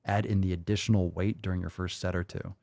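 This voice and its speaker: A man in his late thirties hosting a fitness livestream, answering viewer questions in a loose, conversational way that thinks out loud with fillers and restarts. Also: deep voice, steady tone, quick pace, vocal fry, no room sound, studio quality. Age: 30s.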